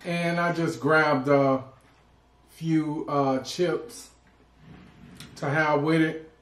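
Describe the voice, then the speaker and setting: Slow-paced man chatting in an echoey room. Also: a little high, fairly even intonation, background noise. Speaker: food vlog host. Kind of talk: casual mukbang chat while eating. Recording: roomy, echoing indoor sound.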